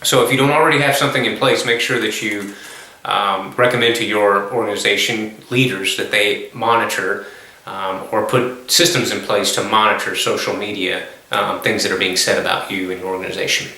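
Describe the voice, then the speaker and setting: A male course instructor giving a recorded online lecture, measured and explanatory, with frequent ums and self-corrections. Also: lowish voice, steady tone, pushed and bright. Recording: very echoey room.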